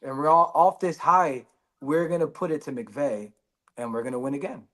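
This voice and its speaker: A man's voice: fairly high pitch, moderate pace, pushed and bright. A man co-hosting a sports podcast, teasing the others and backing his picks with confident banter. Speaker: podcast co-host. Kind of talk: casual sports chat.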